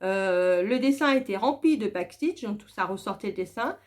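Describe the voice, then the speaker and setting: A woman's voice: medium pitch, lively intonation, moderate pace, a little mellow. A woman hosting a craft tutorial, chatty and full of hesitant fillers and restarts. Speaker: craft video host. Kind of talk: casual tutorial talk.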